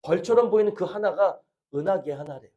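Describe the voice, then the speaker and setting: A man's voice: high voice, brisk, dark tone, dull audio. A middle-aged male pastor preaching a sermon, earnestly asking the congregation questions.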